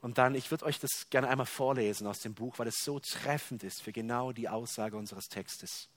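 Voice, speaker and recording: A male preacher giving a sermon, telling a story and swinging between hushed and emphatic delivery. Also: mid-range voice, moderate pace.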